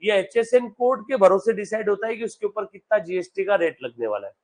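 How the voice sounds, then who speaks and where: A male accountancy teacher giving a live classroom lecture. He reads English text slowly, explains it in Hindi, and keeps quizzing his students, calling them "beta". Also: high voice, animated.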